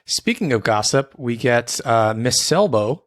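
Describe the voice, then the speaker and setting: A man's voice: mid-range voice, lively intonation, unhurried. A young man co-hosting a podcast, easygoing and rambling, often restarting his words. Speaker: podcast co-host. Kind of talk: casual chat.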